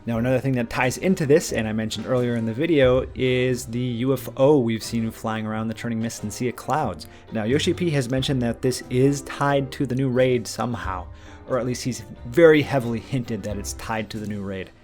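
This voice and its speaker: A brisk, somewhat mellow mid-range male voice, with faint music in the background. He's a mid-20s gaming channel host from Minnesota, USA, chatting casually and wandering a little as he fields viewer questions and goes over game news.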